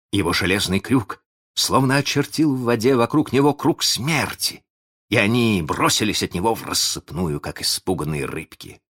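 A man narrating a children's storybook aloud, expressive and addressing the listener. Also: fairly low pitch. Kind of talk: audiobook storytelling.

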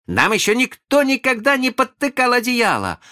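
A man reading a storybook aloud and voicing an eager, cunning young boy who never grows up, talking in an excited, coaxing way. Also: very high-pitched, moderate pace, voice pushed up, exaggerated voice.

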